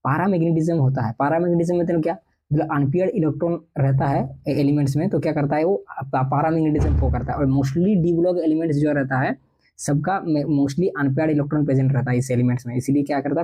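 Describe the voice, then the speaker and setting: A young man teaching chemistry for entrance exams, reading textbook lines slowly and then explaining them quickly in a mix of Hindi and English. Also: fairly high pitch, steady tone, dark tone, breathy edge, low-quality recording. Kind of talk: exam-prep lecture.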